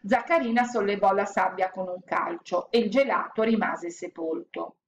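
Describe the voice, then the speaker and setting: A woman narrating a children's story aloud in a calm, expressive storytelling manner. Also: medium pitch, normal speed, muffled recording, a little hiss or hum. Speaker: audiobook narrator.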